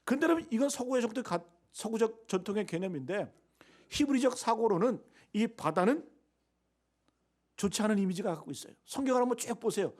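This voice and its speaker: A man preaching a Sunday sermon as pastor, emphatic and full of rhetorical questions to the congregation, swinging between loud stresses and hushed asides. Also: sits high, lively intonation, fairly quick.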